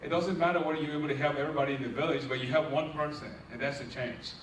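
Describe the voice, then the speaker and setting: Speaking very fast in a fairly high, steady voice, a middle-aged nonprofit founder from Liberia launches his organization with a preacherly pep talk, quizzing the crowd and rising to emphatic peaks. He is recorded from afar in a big, echoing event hall, and the audio is noisy.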